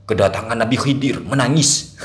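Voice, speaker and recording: A man's voice: sits low, fairly bright tone, roomy sound. A man giving casual video commentary in a mocking tone, laughing often and drawing out his exclamations.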